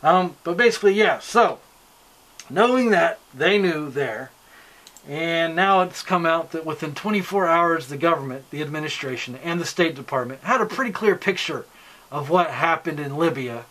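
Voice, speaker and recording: A man with an American accent delivers informal political commentary to his online audience. His voice sits a little high and has a sharp, forceful brightness. He explains things insistently, often putting questions to the listener and answering them. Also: moderate pace, poor audio.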